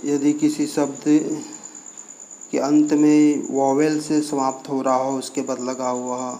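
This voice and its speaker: A man teaching English pronunciation, speaking slowly and deliberately, spelling out letters one at a time and repeating each example word. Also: medium pitch, little pitch movement, dark tone. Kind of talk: Hindi-language explanation of English pronunciation. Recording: faint cricket and insect noise behind.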